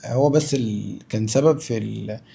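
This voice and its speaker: A man's voice: on the low side, normal speed, creaky, mellow, breathy edge. A man with an Egyptian Arabic accent in natural, unscripted interview talk as a guest, insistent and repeating himself for emphasis. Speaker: interview guest, former professional footballer.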